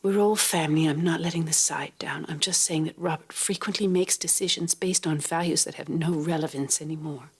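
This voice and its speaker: A dry, witty old aristocrat. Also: female voice, low voice, steady tone, fairly quick, few pauses, slightly rough. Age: older. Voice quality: dry, arch.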